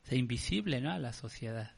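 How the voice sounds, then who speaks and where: A Mexican man preaching with a rough, gravelly edge to his mid-pitched voice. He tells the story in a relaxed, chatty way, like he is talking to a friend. He keeps calling the congregation "brother". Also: fast talker. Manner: conversational, addresses listeners as brother. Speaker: pastor. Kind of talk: storytelling sermon.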